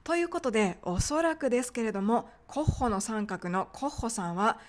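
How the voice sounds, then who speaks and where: A woman's voice: a little high, expressive, normal speed. A woman teaching medical English pronunciation in a polite, explanatory podcast lesson.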